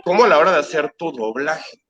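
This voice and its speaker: A man's voice: on the high side, expressive, brisk, fairly bright tone, highs cut off. A Mexican man hosting an interview, asking long, winding questions and correcting himself as he goes. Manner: rambling, self-correcting questions. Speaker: host.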